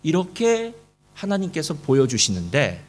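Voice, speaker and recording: A man preaching a sermon to a church congregation, telling a story with lively asides and rhetorical questions to the listeners. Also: a little high, measured pace, faint music behind. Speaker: pastor. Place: church service.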